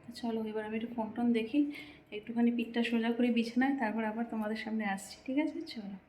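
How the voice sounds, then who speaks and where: A young woman and mother talking softly through her home vlog, keeping her voice low so her child can sleep. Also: fairly even intonation, racing. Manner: hushed, soft-spoken so a child can sleep. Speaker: vlogger and mother. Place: small room at home, indoors. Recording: echoey room with faint background noise.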